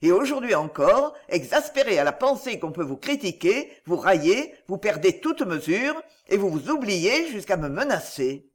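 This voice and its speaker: A man's voice: high-pitched, very animated, moderate pace, few pauses. A man playing a proud ironmaster husband who speaks severely, coldly and mockingly.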